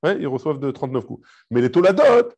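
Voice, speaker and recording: A man's voice: medium pitch, big pitch swings, fast, a little mellow, lo-fi sound. A rabbi teaching a live Talmud class, explaining step by step, mixing in Hebrew and Aramaic terms and checking with his students.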